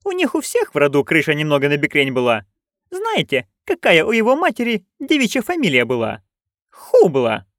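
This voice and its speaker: Man doing a high, gossipy old witch. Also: huge pitch swings, moderate pace, a bit bright, no room sound, clean studio sound. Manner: high, fussy and talkative.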